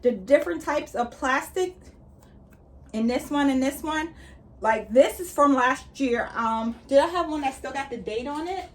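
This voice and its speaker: A woman's voice: high voice, expressive, normal speed, a little hiss or hum. Chatty woman, slightly distant mic. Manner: chatty, explains each step as she works. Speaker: gardening vlogger. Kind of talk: casual how-to chat while working.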